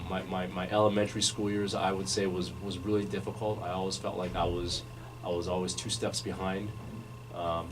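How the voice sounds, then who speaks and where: In a laid-back interview about his life, a male guest with a low voice talks slowly and evenly, looping back, starting over and padding with fillers. The studio microphone picks him up from far away, and a steady hiss runs throughout.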